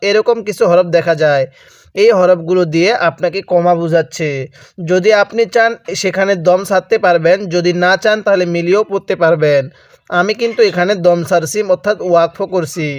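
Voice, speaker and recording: A Quran recitation teacher, a man with a Bangladeshi Bengali accent, leads a slow, syllable-by-syllable lesson. His voice sits fairly high and sounds smooth and clear. The recording is close and dry, with no room sound. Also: dry recording, dull audio. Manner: patient, breaks words into syllables and has listeners repeat.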